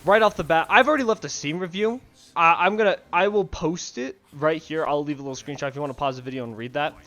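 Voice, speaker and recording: A man's voice: on the high side, fast talker, fairly bright tone. A young man ranting casually about games he dislikes, profane, rambling and sarcastic, recorded on a headset mic in his bedroom. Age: young adult. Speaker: gaming video ranter. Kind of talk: casual rant to camera.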